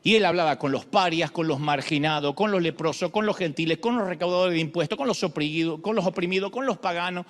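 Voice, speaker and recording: A middle-aged man preaching a sermon, dramatic, moving from shouts to hushed lines, with humorous asides. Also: a little high, fast, few pauses, big-room sound.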